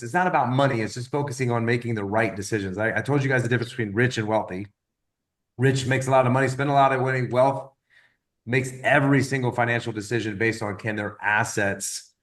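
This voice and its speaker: A man in his fifties giving casual motivational coaching, rambling and often repeating words as he tells lively stories. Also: mid-range voice. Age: 50s. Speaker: wellness business coach.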